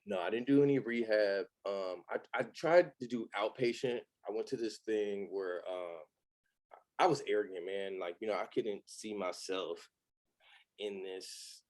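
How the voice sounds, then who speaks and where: Guest: man in his thirties, lowish voice, loose and candid, full of fillers. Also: measured pace, darkish tone. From Los Angeles. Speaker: podcast guest. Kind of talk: casual chat.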